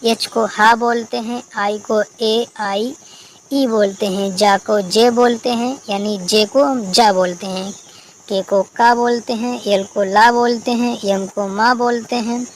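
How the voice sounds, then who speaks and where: A woman English teacher with a fairly high voice speaks slowly and steadily in a recorded lesson, spelling out letters and posing questions she then answers herself. The low-quality recording carries some hiss or hum and faint crickets in the background.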